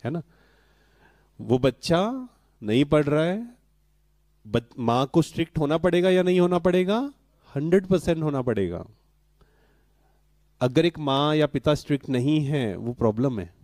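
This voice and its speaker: A middle-aged man gives a spiritual talk to a live audience. He speaks slowly and calmly in a mellow tone, keeps asking the room to answer, and mixes in English words. The sound is dry and close. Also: on the high side, dry recording. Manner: slow, calm and questioning, asks the audience to answer.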